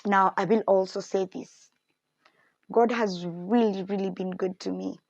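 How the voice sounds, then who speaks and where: Speaking a little slowly with some vocal fry, a young woman with a mid-range voice hosts a podcast about faith, candidly reflecting on her insecurities and becoming animated when quoting others. The audio is dull, with no room sound, and the clip is a personal faith talk.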